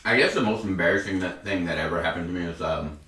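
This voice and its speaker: A man's voice: low-pitched, fast, sharp tone. A man telling a rambling story in a laid-back way while he eats. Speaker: mukbang co-host. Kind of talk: casual chat while eating. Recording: echoey room, mic far off.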